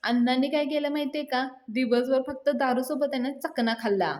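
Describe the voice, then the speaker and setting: A woman's voice: high voice, fairly quick, a little mellow, pitched above the performer's own voice, natural voice. A woman voicing a young man who mocks and teases an older man, in an echoey room. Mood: teasing. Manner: mocking.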